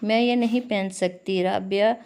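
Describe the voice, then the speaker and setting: A woman's voice: mid-range voice, steady tone, measured pace, darkish tone, clear, resonant tone, natural voice. A woman voicing a frightened young bride in a read-aloud romance story, speaking hesitantly and stammering. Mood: timid.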